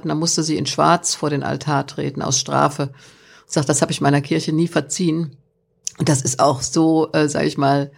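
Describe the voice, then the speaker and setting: A woman's voice: low voice, creaky. A woman talking earnestly as an interview guest, telling stories with frequent fillers. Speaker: guest, author of children's Bible stories. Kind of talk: conversational interview.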